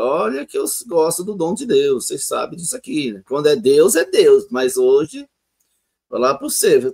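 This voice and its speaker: High-voiced man commenting casually. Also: a little mellow. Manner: conversational, emphatic asides. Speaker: channel host commenting. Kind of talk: video commentary.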